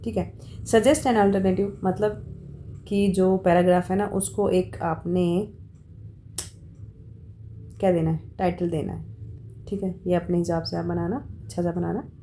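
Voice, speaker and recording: A woman walks students through exam questions at an unhurried pace. Her voice is mellow and warm. She mixes Hindi explanations with English read-outs, and a faint hiss sits behind her. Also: on the low side, fairly even intonation. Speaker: exam tutor. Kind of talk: informal exam-prep lesson.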